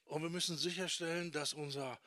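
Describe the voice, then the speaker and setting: A man preaching a teaching sermon, emphatic, often checking in with listeners with a quick "Ja?". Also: fairly high pitch, fairly even intonation, bright, forceful tone, no echo. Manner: emphatic, quotes people in acted asides. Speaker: preacher on discipleship.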